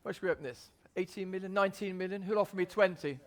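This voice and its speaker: High-voiced male auctioneer calling bids. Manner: auctioneer's measured bid calling, repeating figures, addressing bidders directly. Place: auction saleroom.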